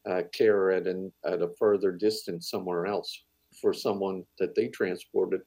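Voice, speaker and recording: A man with a Cape Breton accent giving earnest, measured interview answers as a veteran paramedic. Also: sits low, creaky, mellow, slightly rough, no room sound. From Cape Breton, Canada. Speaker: veteran paramedic and union manager.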